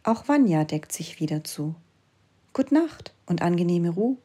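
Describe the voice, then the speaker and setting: Slow husky woman reading a rhyming story. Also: on the low side, very animated. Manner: slips into soft whispers for suspense.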